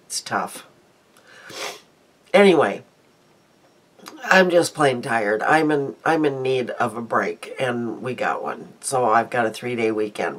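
An older beauty vlogger from the Midwestern United States has a very deep voice and a congested nose. She chats casually to her desk webcam from a small, cluttered room at home. Her speech rambles, with frequent self-interruptions and restarted sentences.

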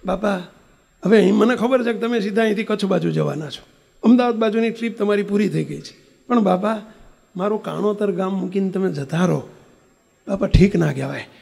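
A man's voice: sits high, fairly quick, vocal fry. A man telling a devotional story in a sermon, acting out the dialogue and often asking listeners if they follow. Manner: animated storyteller, acting out dialogue, asks "understood?". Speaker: religious preacher.

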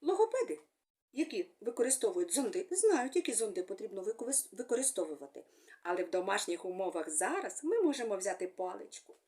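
A woman speech therapist giving a gentle, sing-song speech lesson to young children, using fond little words for them. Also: medium pitch, sing-song, brisk.

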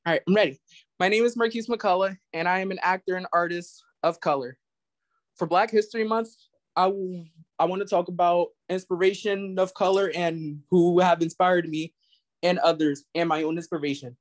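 A man's voice: high-pitched, fairly even intonation, normal speed, poor audio. A man in his twenties presenting his artwork on a video call, hesitant and apologetic at times. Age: 20s. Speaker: student artist presenter. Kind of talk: casual presentation.

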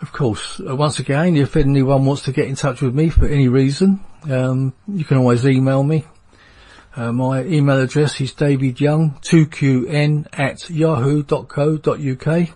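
A man's voice: medium pitch, fairly even intonation, normal speed, dark tone. A man with a London accent hosting a radio show, chatting casually and rambling with fillers. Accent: London English. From England.

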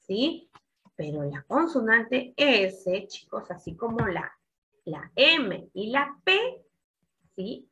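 A woman's voice: a little high, sharp tone. A woman teaching young children a class in a coaxing, sing-song way.

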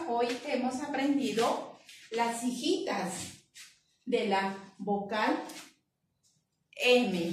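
Slow, syllable-stretching Peruvian teacher woman. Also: fairly high pitch, recorded from a distance. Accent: Peruvian Spanish. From Peru. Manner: slow, drawn-out syllables, encouraging praise. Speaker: preschool teacher. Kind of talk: remote lesson for young children. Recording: echoey room, voice from off-mic with faint noise.

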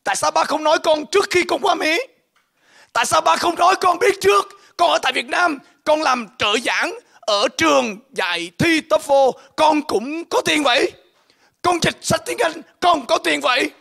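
A man voicing his distraught young adult daughter, crying out in loud, accusing protest. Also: very high-pitched, moderate pace, creaky, pitched above the performer's own voice, exaggerated voice.

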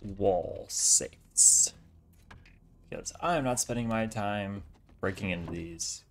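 A man's voice: fairly low pitch, slow, slight background noise. A man giving casual, chatty commentary while playing a survival game, joking at himself as he loots. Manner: chatty, self-mocking, talks to himself while looting.

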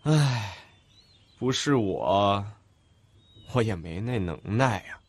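A man's voice: on the low side, expressive, slow, no room sound. An actor playing a scheming, self-satisfied retired old man in an audiobook drama, drawling and sardonic with a flavor. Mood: scornful musing. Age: older. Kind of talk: audiobook radio-drama acting.

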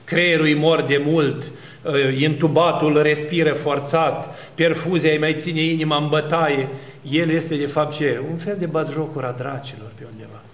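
A man's voice: on the high side, fairly even intonation, roomy sound. A man preaching an Orthodox sermon, asking rhetorical questions and building long spoken lists. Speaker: Orthodox priest.

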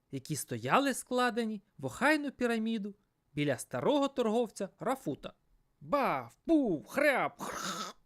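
A woman reading a children's fairy tale aloud with playful expression. Her pitch rises and falls in a lively way, and her voice sits in the middle. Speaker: storyteller.

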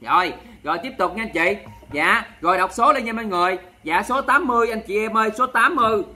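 A man's voice: high-pitched, animated, quick pace, sharp tone, soft background music. A man with a Southern Vietnamese accent hosting a charity livestream, chatting with viewers in a sassy, dramatic way and scolding them in jest. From Mekong Delta, Vietnam. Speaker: livestream host.

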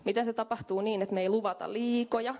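A young woman with a slightly high, mellow voice and fairly even intonation gives a keynote in a hotel conference room to a small audience. Using a handheld microphone, she speaks conversationally and thinks aloud, filling gaps with fillers.

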